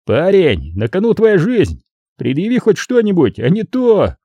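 A man's voice: high voice, huge pitch swings, measured pace, breathy edge, no echo, dull audio, pitched above the performer's own voice, full character voice. A man voicing a cold, stern male gangster boss near sixty, mocking and menacing.

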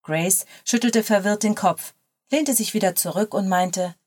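A woman's voice: mid-range voice, unhurried, darkish tone. Woman reading a story aloud. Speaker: narrator.

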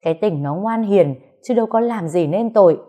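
A woman's voice: medium pitch, lively intonation, moderate pace, mellow, voice pushed up, natural voice. A woman voicing an older mother in a read-aloud story, scolding her son in distress. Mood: distraught. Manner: scolding, wailing.

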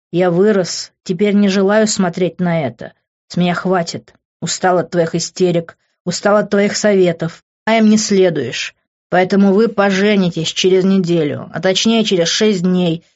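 A woman's voice: lowish voice, a little mellow, lo-fi sound, close to an everyday voice. Cocky young man, read by a woman, blunt and lecturing, audiobook.

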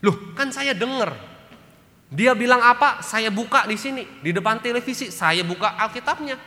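A man's voice: fairly high pitch, expressive, brisk, sharp tone. A man preaching voices a stubborn middle-aged husband who makes excuses not to go to church, whiny and smug. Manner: whiny, exasperated, then smug. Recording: church hall reverb.

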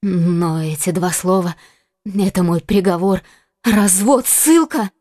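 A frightened young queen pleads in a high, trembling falsetto, as a male reader puts her on. The voice rises well above a man's usual pitch and pushes loudly. It sounds close and dry, with no room around it. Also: slow, no room sound. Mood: anxious. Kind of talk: audiobook character voice.

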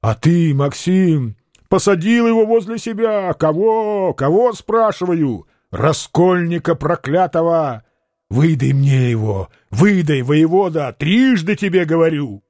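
A man reading an audiobook, voicing a furious old monk who shouts and curses in a booming voice. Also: expressive, a little slow, no echo. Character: furious old monk, wild-eyed and loud.

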